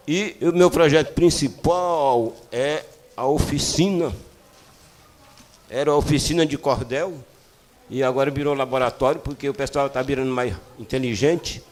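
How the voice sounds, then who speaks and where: A man's voice: medium pitch, unhurried. An older man from Piauí, Brazil, a cordel poet talking at a literary panel in a rambling, hesitant, joking way. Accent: Piauí Brazilian Portuguese. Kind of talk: casual panel talk.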